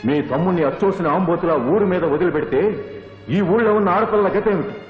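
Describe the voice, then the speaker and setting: An actor playing a stern village elder who accuses someone before the council, on an echoey, dull old film soundtrack. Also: male voice, high voice, fast talker, faint music behind, natural voice. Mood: accusing.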